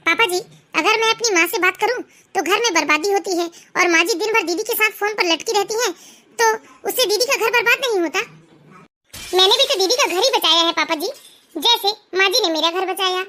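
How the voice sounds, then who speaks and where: A woman voicing a clever young daughter-in-law who explains herself in a calm, polite, pointed way. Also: very high voice, fairly quick. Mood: explaining.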